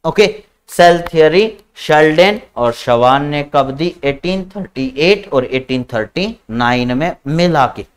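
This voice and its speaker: A man with an Indian English accent teaching an online biology lesson, his voice a touch high. He moves unhurriedly, stretching English terms word by word and checking in with his students affectionately as he goes. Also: lively intonation, clear, resonant tone. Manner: calls students beta, drags out English terms slowly. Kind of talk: online class lecture.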